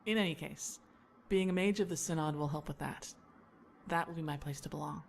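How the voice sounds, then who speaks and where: A woman voicing a young mage in a game, calm and reflective as she talks. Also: low-pitched, a little fast, gravelly, slight background noise. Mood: wistful. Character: young female mage, wistful and earnest. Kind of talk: game voice acting.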